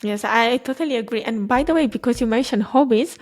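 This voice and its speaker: A young Romanian woman, a native speaker of Romanian, speaks a little high and fairly quickly with a darkish tone. She's a quantum computing researcher appearing as a guest in a casual video-call interview, picked up by her call microphone, laughing often and hesitating with fillers.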